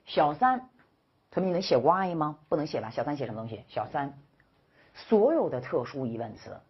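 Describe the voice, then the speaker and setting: Female English teacher, low and very husky voice, emphatic, chummy lecturer; dull lo-fi recording. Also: very animated, fairly quick. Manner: emphatic, drills students with rhetorical questions; slangy and chummy with viewers. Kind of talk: online grammar lecture.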